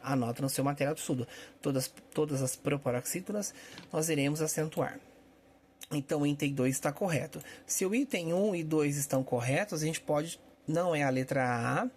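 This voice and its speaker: A man's voice: on the high side, slight background noise. A man teaching a Portuguese grammar lesson for exam prep, explaining step by step and checking in with his students.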